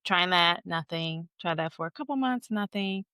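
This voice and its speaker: A woman's voice: on the low side, animated, moderate pace, sharp tone, smooth, dry recording. A woman guest on a podcast, candidly and reflectively telling her own story. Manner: candid, reflective, light laughs. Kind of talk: personal storytelling interview.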